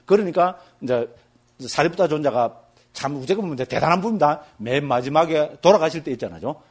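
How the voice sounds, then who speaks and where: Male Buddhist monk teacher, rapid lively storytelling, fond of tag questions. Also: fairly high pitch, breathy edge. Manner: lively storytelling, constantly asks listeners for agreement. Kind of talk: Buddhist scripture lecture.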